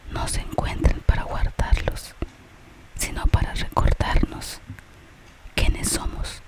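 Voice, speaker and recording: An ASMR storyteller whispers a gentle tale from start to finish. The delivery is very slow and unhurried, with no full voice in it. The narration moves softly from the story toward its moral. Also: poor audio.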